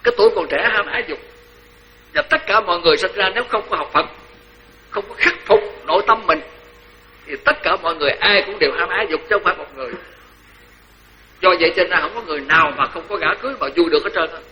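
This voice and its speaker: An older man with a Southern Vietnamese accent, a senior Buddhist monk giving a lively, joking dharma talk that repeats phrases for emphasis. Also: sits high, fast, long pauses, highs cut off, a little hiss or hum.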